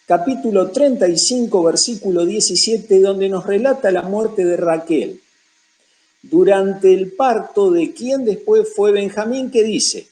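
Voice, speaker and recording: High-voiced Argentine man teaching the Bible. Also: a little slow, a little mellow, poor audio. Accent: Rioplatense Argentine. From Buenos Aires province, Argentina. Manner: emphatic, lists points one after another.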